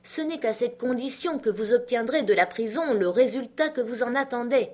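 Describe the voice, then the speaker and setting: A woman reads a classic novel aloud. Her narration is measured and expressive, with a literary audiobook style. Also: on the high side.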